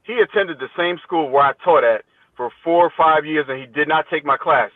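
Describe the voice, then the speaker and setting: Over a thin phone-like line with no echo, a fairly quick man in his fifties with a voice on the high side chats as a podcast guest. He is a teacher, and his casual, cheerful interview talk often circles back to repeat phrases.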